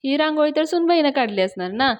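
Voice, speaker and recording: A fussy old man, caught out and quick to protest, his pitch pushed up in indignation, as a woman reading a story puts him on. He talks in short, exasperated bursts. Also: animated, muffled recording. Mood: defensive. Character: flustered elderly man, fussy and defensive.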